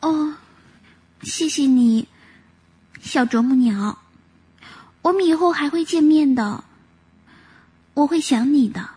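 A woman's voice: high voice, lively intonation, slow, long pauses, dark tone. A woman voicing a small, honest little ant who speaks earnestly and insists on doing right. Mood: tender.

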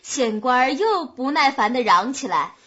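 A woman narrating a humorous folk tale in a lively, expressive storytelling manner, on a dull lo-fi recording. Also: sits high, normal speed, slightly rough.

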